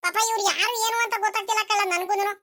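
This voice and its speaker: Woman as fussy old mother, cartoon, scolding, very high and quick. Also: fairly even intonation. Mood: impatient scolding. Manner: scolding, calls out loudly.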